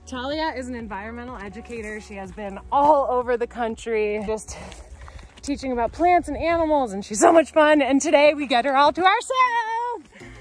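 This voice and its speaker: A high-voiced young woman chats excitedly into a phone at arm's length on a mountain trail. Her pitch swings widely as she exclaims and laughs, and music plays behind her. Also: normal speed. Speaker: vlogger. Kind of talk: casual vlog chat. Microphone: phone held at arm's length.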